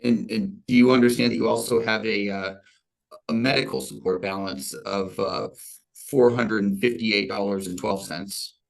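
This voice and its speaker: An American man questioning formally as a state's attorney, halting and hesitant, often repeating his words. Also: on the low side, fairly even intonation, vocal fry, clear, resonant tone, rough recording. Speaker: state's attorney in child support case. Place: court hearing over video call.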